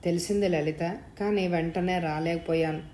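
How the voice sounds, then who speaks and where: A woman reading the lines of a young husband in an audio story, soft and soothing. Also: on the low side, fairly even intonation, normal speed, slight background noise, natural voice. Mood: tender. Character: young husband, tender and consoling. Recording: roomy echo.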